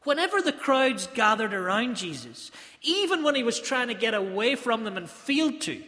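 A man preaches a sermon, earnest and emphatic, leaning into his stories. His voice sits high and bright. The church around him rings with a long echo. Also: big pitch swings, normal speed. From South Africa. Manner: earnest, storytelling, emphatic phrasing.

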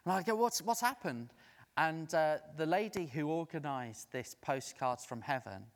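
A man preaching a sermon as a lively storyteller who acts out the voices of the people he quotes. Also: fairly high pitch, normal speed. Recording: long reverb of a large hall.

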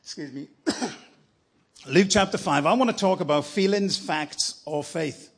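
A man's voice: a little high, measured pace, vocal fry, husky. Upbeat Welsh man preaching. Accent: South Welsh. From South Wales. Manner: lively, enthusiastic storytelling. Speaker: guest preacher. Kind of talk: live church sermon. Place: church sanctuary.

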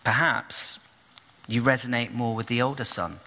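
A man's voice: medium pitch, normal speed, pushed and bright, big-room sound. A man preaching a sermon, retelling the story expressively and putting questions to the congregation. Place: church.

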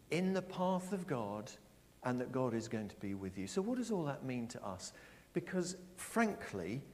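A middle-aged man preaching a sermon, asking his congregation questions and stressing his words slowly. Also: medium pitch. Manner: lively, questioning the congregation, slow emphatic phrasing. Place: church. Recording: long church reverb.

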